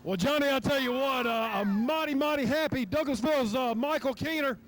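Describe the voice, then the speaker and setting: Folksy high-voiced track interviewer. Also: male voice, brisk, a bit bright. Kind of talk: post-race interview. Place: outdoor racetrack.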